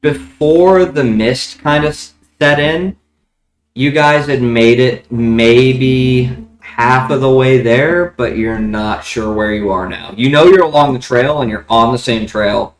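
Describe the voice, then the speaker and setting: A man's voice: mid-range voice, slow. A man working as game master, narrating a tabletop fantasy game in a casual, conversational way. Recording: roomy, echoing room recording.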